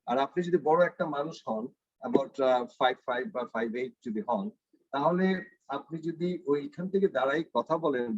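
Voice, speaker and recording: A man's voice: fairly high pitch, slightly rough, no echo. A university professor giving a conversational lecture to teachers. He tells short stories, asks rhetorical questions and drops in English phrases. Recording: dry, dull lo-fi recording.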